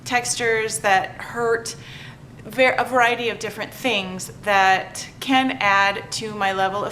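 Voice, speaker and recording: A middle-aged woman giving an instructional talk on adjusting affect for children with sensory needs, at times softening her voice to show a calm manner. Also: mid-range voice, slight background noise, poor audio.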